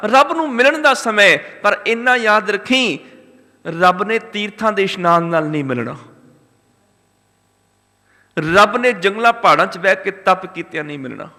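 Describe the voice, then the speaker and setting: Brief: male preacher, bright and forceful tone, intoning scripture and driving home each point with repetition. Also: high voice, animated, big-room sound. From Punjab, India. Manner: chants scripture lines slowly, emphatic repetition. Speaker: Sikh preacher. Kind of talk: religious discourse.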